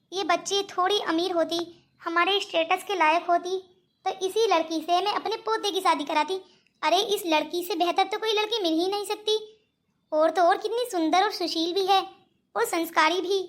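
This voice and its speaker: A woman's voice: very high voice, a bit bright. A woman voicing a scheming rich old grandmother in a cartoon, speaking in a coaxing manner. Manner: coaxing, calls others 'beta'. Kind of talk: cartoon voice acting.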